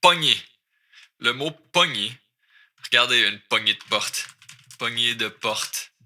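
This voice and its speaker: A man's voice: medium pitch, expressive, pushed and bright. A man with a Québécois accent teaching French, explaining lyrics line by line and switching between French and English. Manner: mixes French and English, repeats words slowly.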